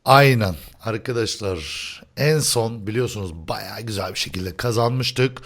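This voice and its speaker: A young man hosting a game stream, joking, laughing and shouting excitedly at the action. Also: on the low side, measured pace. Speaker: host. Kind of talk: excited gaming commentary.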